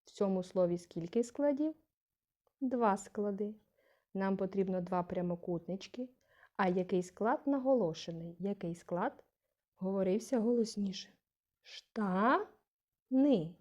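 A woman teaching a young class, slow and patient, saying example words aloud with a rising question tone to stress syllables. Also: mid-range voice, mellow. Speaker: primary school teacher. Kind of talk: scripted lesson narration.

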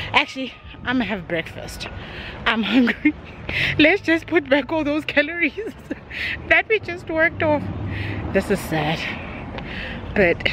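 A young woman chatting casually to a handheld camera for her vlog, animated and laughing between phrases. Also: fairly high pitch, noisy background. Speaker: vlogger. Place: gym, kitchen and parked car. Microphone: handheld camera at arm's length. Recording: loud music playing behind her.

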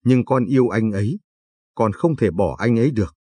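A man's voice: mid-range voice, expressive, moderate pace, mellow, husky, no echo. A man reading the lines of a frightened, tearful young pregnant woman in a spoken story. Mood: pleading. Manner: pleading.

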